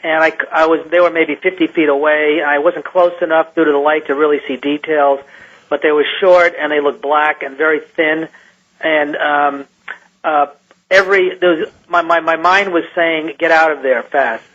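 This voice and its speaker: A man who is a scientist recounts an encounter in a radio interview, halting and restarting often as he talks. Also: on the high side, flat delivery, fairly bright tone. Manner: halting, with many restarts and fillers. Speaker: guest scientist. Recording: muffled lo-fi radio line.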